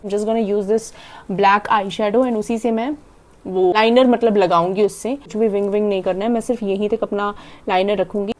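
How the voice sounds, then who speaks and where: A young Indian woman with an Indian accent, chatting fast through a casual makeup tutorial as she applies it and swallowing half her words. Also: medium pitch, fairly even intonation. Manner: chatty, demonstrating while applying makeup. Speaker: makeup vlogger. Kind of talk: casual makeup tutorial, Hindi-English mix.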